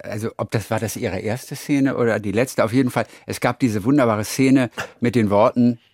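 A man's voice: medium pitch, normal speed, no echo. German host guy, chill questions, dry close mic. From Lübeck, northern Germany. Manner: relaxed questions with short backchannels and laughs. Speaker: interviewer, podcast host. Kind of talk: conversational interview.

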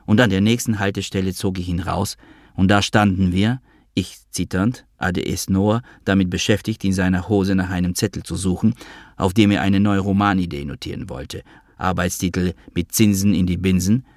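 Calm, low-voiced male audiobook narrator. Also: moderate pace, no echo, studio quality. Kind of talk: literary first-person narration.

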